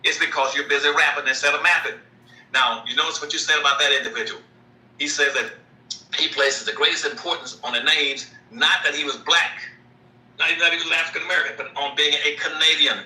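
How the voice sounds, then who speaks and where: A man's voice: a little high, steady tone, brisk, distant mic. A man speaking as a guest in an emphatic lecturing way, hammering home repeated phrases over a video call. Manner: forceful, repeats key phrases. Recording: roomy sound, away from the mic.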